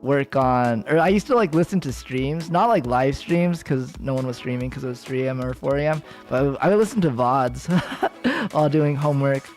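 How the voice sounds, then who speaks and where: A young American man, a VTuber, chats casually with livestream viewers, giggly and rambling with lots of fillers and restarts. His voice is mid-range and expressive at a moderate pace, with soft background music.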